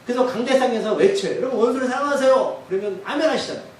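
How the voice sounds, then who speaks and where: Animated high-voiced male pastor, echoey. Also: rapid-fire, a little hiss or hum. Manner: lively, questioning the congregation. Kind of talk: sermon. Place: church sanctuary. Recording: echoey church hall from far off.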